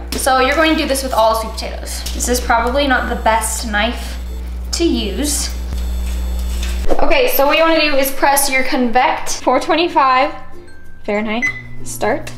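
A young woman in her twenties walks through a meal-prep routine in a casual, upbeat way, explaining each step as she goes. Her voice sits a little high. The kitchen sounds roomy and echoey, with faint music underneath. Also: a bit bright. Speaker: lifestyle vlogger. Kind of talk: casual cooking tutorial. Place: home kitchen, indoors. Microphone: camera mic from a few steps away.

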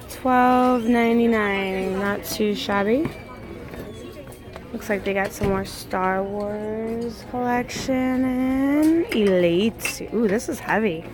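A woman narrating a casual shopping vlog, gushing over cute finds as she films on a handheld phone in a large indoor store. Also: a little high. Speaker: vlogger. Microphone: handheld phone camera. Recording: crowded store background.

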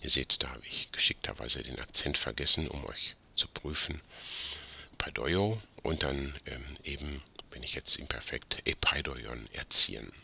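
A man with a very low, gravelly voice gives a casual grammar lesson. His tone is sharp and husky. He rambles, corrects his own slips and tosses in self-mocking jokes. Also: a little slow. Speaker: tutor.

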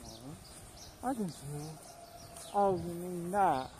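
A man's voice: on the high side, animated, very slow, a little mellow, slight background noise. A man chatting casually and giggling often while he speaks through a costume head. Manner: giggly and playful, laughs often. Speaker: fursuiter. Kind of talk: casual chat.

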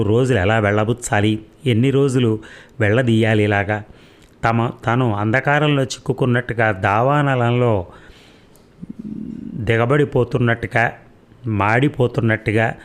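A man narrating a story aloud in a measured, reflective way, lingering on key phrases. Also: medium pitch. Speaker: audiobook narrator.

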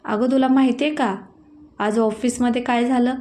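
A woman voicing a calm, sensible young husband in a storybook reading, speaking in a gentle, even tone. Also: very high-pitched, normal speed.

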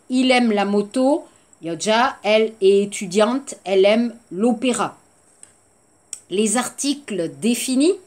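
A woman teaches a beginner French class at an unhurried pace, repeating each word and slipping in short Korean translations. Her voice sits a little high for a woman. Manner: slow, repeats words, mixes in Korean glosses. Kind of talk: language lesson for Korean learners.

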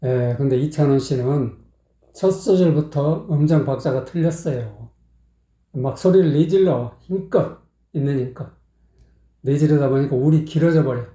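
A man's voice: a little high, normal speed, dark tone. A man critiquing a singer's performance, blunt and scolding, dropping in short affirmations as he breaks the song down. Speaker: singing critic. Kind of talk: song analysis commentary. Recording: roomy echo.

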